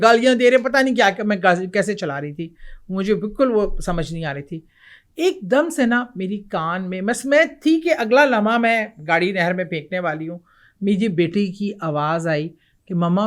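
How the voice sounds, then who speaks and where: A middle-aged woman from Pakistan recounts a ghost story as an interview guest. She tells it vividly, acting out voices and quotes as she goes. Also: medium pitch. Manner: animated, vivid retelling with acted quotes.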